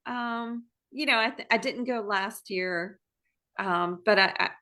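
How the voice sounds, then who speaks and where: A middle-aged woman from Maryland, a real estate agent guest, talking in a friendly, relaxed way with many fillers. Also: mid-range voice, unhurried. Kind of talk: casual conversational interview.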